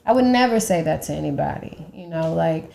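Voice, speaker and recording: A woman's voice: sits low, animated, fairly quick, gravelly, mellow. A woman talking as a podcast guest, open and earnest, often quoting what others said. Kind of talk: candid conversation. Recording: roomy echoey room.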